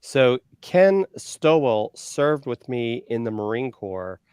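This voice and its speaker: A man's voice: mid-range voice, sing-song, slow pace, smooth, no echo. Upbeat chatty male co-host, dry sound. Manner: chatty, upbeat, with many fillers and shout-outs. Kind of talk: casual talk show hosting.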